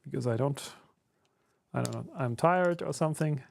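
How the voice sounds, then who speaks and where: Building a 3D printed enclosure on his live stream, the German YouTuber speaks accented English and keeps up a relaxed back-and-forth with his chat. His mid-range voice is gravelly and moves at a moderate pace. Fillers crop up often as he talks.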